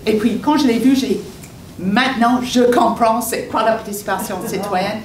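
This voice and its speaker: Speaking at normal speed in a voice on the high side, a native English-speaking woman gives an unscripted comment at a public meeting, hesitant and restarting often as she searches for words. The meeting hall sounds echoey, the mic is far off, and background noise comes through.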